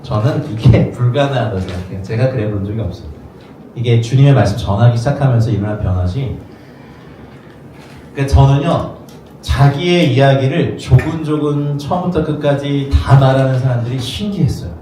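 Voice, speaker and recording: Here a pastor delivers a sermon in a warm, medium-pitched voice at a moderate pace, keeping it conversational and frequently acting out quoted voices. The setting is rented studio space used for worship, captured with a distant mic in an echoey room with faint noise.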